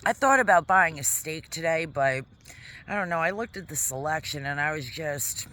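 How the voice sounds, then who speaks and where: Bright-voiced woman chatting outdoors. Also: deep voice, lively intonation, moderate pace. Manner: chatty, rambling, eating while talking. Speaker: vlogger. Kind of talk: casual vlog chat. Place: outdoors in a quiet park. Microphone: camera mic.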